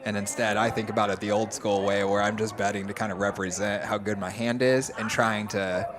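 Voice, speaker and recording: A young man commentating a live poker stream in a relaxed, analytical way. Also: fairly low pitch, a little fast, over music. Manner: easygoing, analytical. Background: crowd chatter of a poker room.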